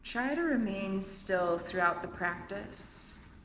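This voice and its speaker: Recorded live in an echoey indoor yoga studio in the city, a woman guides a yoga nidra meditation with spoken instructions. She speaks in a mid-range voice, calm and very unhurried, with measured phrasing and long pauses between phrases. Faint room and city noise sits in the background.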